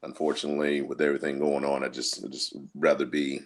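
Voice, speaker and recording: A man co-hosting a casual show from home, telling things in a halting, conversational way. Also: rumbling low, little pitch movement. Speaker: podcast co-host. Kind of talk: casual chat, recounting events. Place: indoors at home, remote call.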